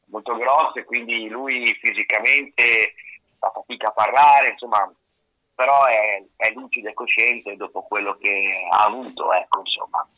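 A man phones in to a live radio show, his voice coming through what sounds like a speakerphone. His tone is very bright and sharp, while the line is dull and lo-fi. He is chatty and friendly, teasing the host. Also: lowish voice, fairly even intonation, moderate pace. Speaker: singer-songwriter guest calling in.

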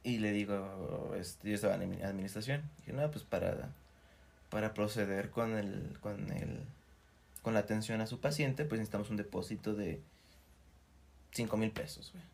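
A man's voice: fairly low pitch, normal speed, gravelly, a little mellow. A man with a Mexican accent telling comic stories in casual, profane chat, peppering every phrase with slang fillers. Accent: Mexican Spanish. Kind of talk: casual comedic storytelling.

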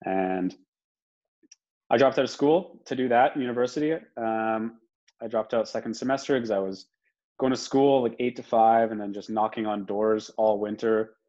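A young adult man from Romania, a podcast guest telling his story in a relaxed, casual way with lots of fillers and the odd swear word. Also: lowish voice, normal speed. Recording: dull lo-fi sound.

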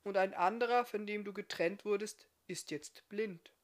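A woman voicing a big, gruff, half-deaf male blacksmith who shouts in a booming voice. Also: moderate pace, lightly acted.

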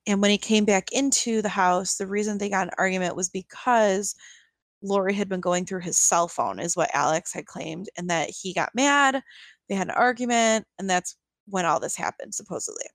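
A woman's voice: medium pitch, normal speed, dry recording. A young adult woman co-hosting a podcast, telling a true-crime story casually with lots of fillers and incredulous asides. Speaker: podcast co-host.

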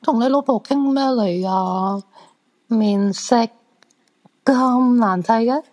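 In a Cantonese radio drama, a woman plays a cheeky, flirty fortune-teller friend who is eager to see ghosts, teasing playfully in colloquial Hong Kong speech. Her voice is a little high and darkish in tone, and she speaks at a slow pace.

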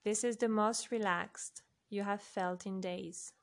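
A woman narrating a guided sleep meditation in a soft, unhurried way, with long pauses between phrases. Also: medium pitch, fairly even intonation.

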